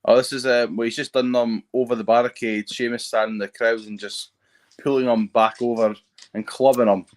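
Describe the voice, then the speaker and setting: A man co-hosting a relaxed reaction chat. He searches for words, restarts and trails off as he thinks aloud, in an everyday mid-pitched voice. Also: brisk. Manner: hesitant, trails off while thinking. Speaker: co-host. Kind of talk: casual chat, live reactions. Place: at home watching TV.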